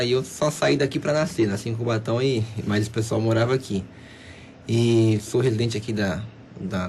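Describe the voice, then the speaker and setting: A Brazilian man in his late twenties answers on live radio in a fairly low voice. He stops and restarts his phrases, then rushes ahead. A faint ambience runs under the studio sound. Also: darkish tone, slight background noise. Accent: Brazilian Portuguese, São Paulo coast. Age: 20s. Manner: hesitant, repeats words, then speeds up. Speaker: guest lawyer.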